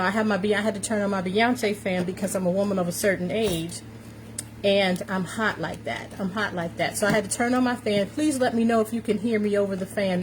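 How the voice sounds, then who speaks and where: American woman livestreaming over fan noise. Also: medium pitch. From New York City, United States. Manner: upbeat, emphatic, repeats phrases. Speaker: live stream host, confidence coach. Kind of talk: casual livestream chat to viewers. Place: warm room indoors. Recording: steady fan noise behind voice.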